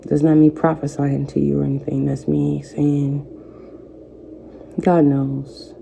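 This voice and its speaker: A woman in her thirties, a vlogger, speaking softly and reflectively to camera, offering faith-based encouragement. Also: sits low, flat delivery, takes it slowly, creaky, slight background noise. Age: 30s. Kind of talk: personal talk to camera.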